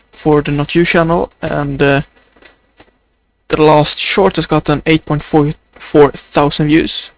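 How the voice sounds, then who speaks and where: Speaking without a script for his video diary, this young Swedish-accented man has a fairly high, gravelly voice captured with no echo. The video journal creator hesitates constantly, drops in lots of fillers and moves slowly and haltingly, with a voice people say seems on the verge of tears.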